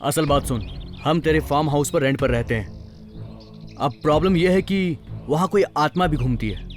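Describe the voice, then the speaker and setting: A determined young investigator, played by a man, questions people steadily in a dubbed film. His voice sits a little high. Faint music plays behind him. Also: normal speed, close to an everyday voice. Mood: explaining.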